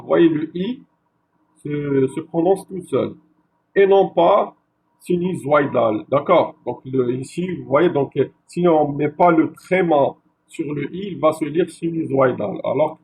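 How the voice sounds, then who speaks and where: A male university lecturer giving a classroom lecture, slow and repetitive, checking with his listeners after each point. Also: on the high side, darkish tone, a little hiss or hum, low-quality recording. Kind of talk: classroom lecture on French spelling.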